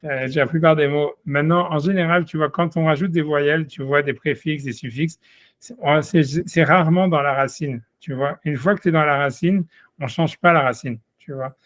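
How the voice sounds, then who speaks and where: A man with a somewhat high, slightly bright voice explains a text to one student in a one-on-one Talmud study session. His intonation is fairly even and his pace normal, and he leans on "tu vois," repeating himself and restarting as he hunts for words. The sound is dry and close, with no room echo.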